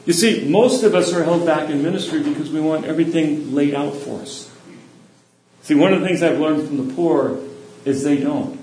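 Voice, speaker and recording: A middle-aged man giving a sermon, telling stories in a relaxed, conversational way. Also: fairly high pitch, moderate pace, slight background noise. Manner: anecdotal, conversational storytelling. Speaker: preacher. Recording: echoey room.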